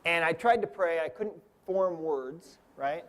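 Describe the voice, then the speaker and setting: Man, fifties, high voice, storytelling lecture, chatty, tag questions. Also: unhurried, fairly bright tone. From United States. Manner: conversational, checks in with frequent "right?" and "okay?". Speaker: energy healing teacher.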